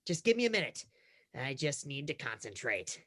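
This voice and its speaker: A woman's voice: a bass voice, big pitch swings, moderate pace, fairly bright tone, heavily acted. A woman playing an earnest, dramatic teenage boy hero in a sci-fi comedy spoof. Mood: scheming.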